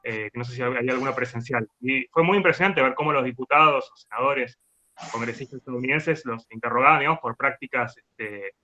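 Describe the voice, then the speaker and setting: A man speaks hesitantly as a panelist, filling pauses often. His voice is very bright and sharp, heard through dull lo-fi call audio. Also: medium pitch. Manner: hesitant, many fillers. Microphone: video call.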